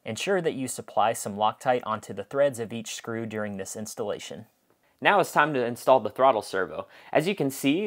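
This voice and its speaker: A man giving a methodical, step-by-step instructional voice-over, often repeating himself as he explains each step. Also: lowish voice. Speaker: model aircraft build instructor.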